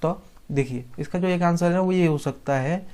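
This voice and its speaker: A man's voice: on the high side, normal speed, dark tone, smooth. A man teaching a class, mixing English into his explanation and acting out lines from a play. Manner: mixes English into his talk, acts out lines.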